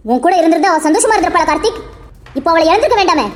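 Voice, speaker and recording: A woman voicing a sharp-tongued cartoon girl. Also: very high-pitched, animated, in a large hall. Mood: accusing. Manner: quick, needling, accusing. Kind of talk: cartoon drama voice acting.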